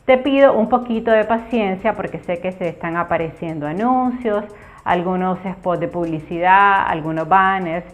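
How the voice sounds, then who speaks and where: A woman teaching an online Spanish grammar lesson, explaining patiently and repeating key words slowly. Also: fairly low pitch, soft background music. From Nicaragua.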